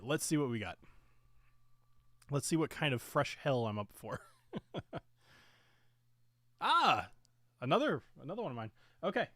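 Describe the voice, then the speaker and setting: A man hosts a casual whiskey-tasting livestream, rambling with fillers and self-corrections, and he talks while chewing and sipping, sometimes with his mouth full. His mid-range voice has a fairly bright tone, with no echo.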